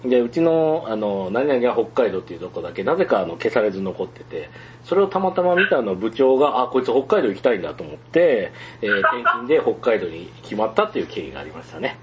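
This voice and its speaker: Lively, rambling man. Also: lowish voice, fairly quick, few pauses, muffled recording, noisy background. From Hyogo, Japan. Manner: rambling, many fillers, chuckles often. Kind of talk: casual radio chat.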